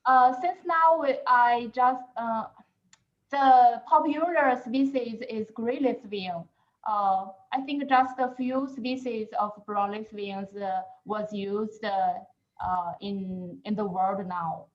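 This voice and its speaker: On a lo-fi video call, a woman researcher speaks slowly in a fairly high voice while fielding questions in a language that isn't her first. She's hesitant, filling gaps with fillers as she hunts for the right words.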